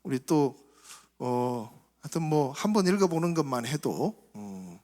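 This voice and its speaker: A male pastor giving a sermon in a reflective, soft-spoken way, his phrases trailing off quieter. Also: medium pitch, lively intonation, a little slow. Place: church sanctuary. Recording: reverberant church hall.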